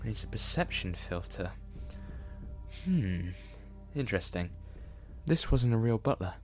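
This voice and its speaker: A man's voice: fairly low pitch, big pitch swings, measured pace. A man playing the Doctor, an eccentric time-traveller with a breezy, theatrical and playful way of talking. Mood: investigating. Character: eccentric male time-traveller, brisk and cheerful. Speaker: amateur detective at a party. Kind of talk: fan audio drama acting. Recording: music bed under the dialogue.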